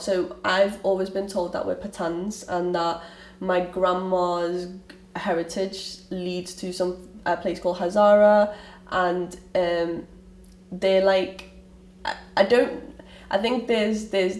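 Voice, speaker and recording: A young woman from Liverpool, England, with a Liverpool accent and a lowish, steady, slightly mellow voice, speaks slowly as she candidly tells her family story in an interview. She rambles and often restarts her sentences. The recording is roomy and distant, with faint ambient noise.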